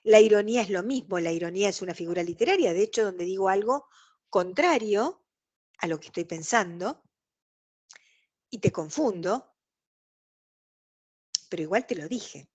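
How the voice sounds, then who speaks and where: A woman's voice: medium pitch, animated, moderate pace, pauses often, darkish tone. Argentine woman giving an online lecture. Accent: Rioplatense Spanish. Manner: explanatory, acts out quoted dialogue. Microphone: video call.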